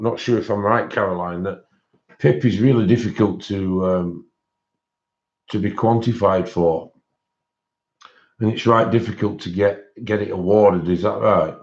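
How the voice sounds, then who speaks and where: A man with a fairly deep voice hosts a casual livestream. He talks to viewers informally, hesitating and thinking out loud as he goes. The sound is dull and lo-fi. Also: measured pace, pauses often. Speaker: livestream host.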